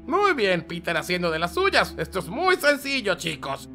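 A man's voice: sits high, wildly swooping pitch, normal speed, sharp tone, faint music behind. A man hosting a gameplay video, chatty and dramatic, talking to viewers and crying out at the action on screen. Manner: chatty, dramatic, talks to viewers and cries out at the game. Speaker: gaming channel host. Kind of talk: excited let's-play commentary.

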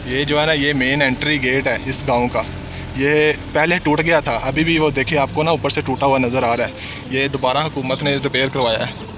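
A man's voice: medium pitch, level tone, normal speed, dull audio, background noise. Chatty young man. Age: young adult. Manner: chatty and repetitive, often calls viewers brother. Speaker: vlogger. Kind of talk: casual travel vlog narration. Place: inside a vehicle cab on a drive. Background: background music.

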